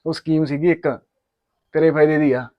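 An actor playing a hot-headed young village man with a Punjabi accent, ranting in a rapid, indignant rush. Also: a little high, steady tone, no echo, lo-fi sound, lightly acted. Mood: scheming. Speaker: young heir of a farming family. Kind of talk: village drama acting.

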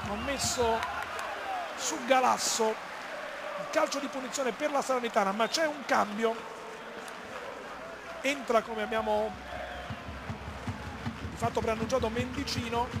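A man commentating live on a football match in an excited, emphatic manner. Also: very high-pitched, a little slow, long pauses. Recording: loud stadium noise behind commentary.

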